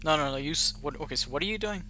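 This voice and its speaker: A man running a tabletop game as game master, lively and quick to react. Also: on the high side. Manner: animated, voices crowd and characters.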